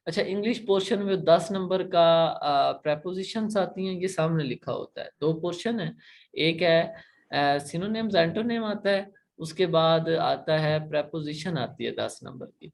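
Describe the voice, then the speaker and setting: A man's voice: a little high, lively intonation, creaky. A man with a Pakistani accent teaching an online class, explaining patiently, repeating points and often checking that students follow. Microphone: laptop.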